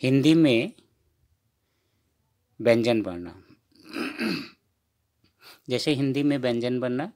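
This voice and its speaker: A man's voice: mid-range voice, animated, a little mellow. A man giving a lesson, reading letters aloud one at a time and repeating them. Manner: reads letters one by one, repeating them slowly, addresses viewers as friends. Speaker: teacher.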